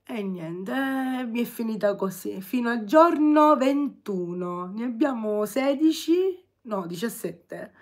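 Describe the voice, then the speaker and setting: A woman's voice: fairly high pitch, expressive, slow pace, hardly any pauses. A woman in her forties with a Sicilian accent, chatting affectionately and teasingly on a livestream from her bedroom, reading comments into her phone camera. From Sicily, Catania. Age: 40s. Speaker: livestream host.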